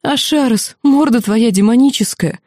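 A woman's voice: mid-range voice, fairly quick, mellow, no room sound, clean studio sound, close to an everyday voice. Woman narrator as strict female mentor, strained and emotional, audiobook. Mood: sobbing. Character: tough female mentor, marquise, breaking into sobs.

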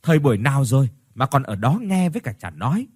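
An eager young man rallying his friends, persuasive and keen, as a male storyteller voices him. His husky voice moves around a lot, recorded dry and close. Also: mid-range voice, big pitch swings, fast, no room sound.

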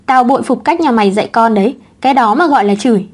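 A woman's voice: fairly high pitch, fast talker, natural voice. A woman reading the lines of a rude, spiteful woman who sneers and scolds. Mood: scornful. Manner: scornful and scolding.

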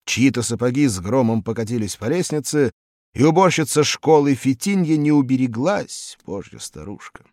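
Male storyteller, lively pitch, dry booth sound, theatrical reading. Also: no echo. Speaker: narrator.

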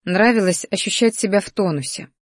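A woman's voice: mid-range voice, a little fast, dry recording. Dry-voiced woman narrating a fantasy audiobook. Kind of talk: first-person audiobook narration.

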